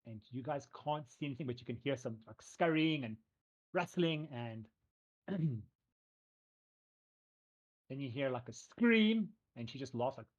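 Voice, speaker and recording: A man's voice: medium pitch, animated, measured pace, long pauses, highs cut off. A man improvising narration as game master of a tabletop role-playing game, in a conversational storytelling style.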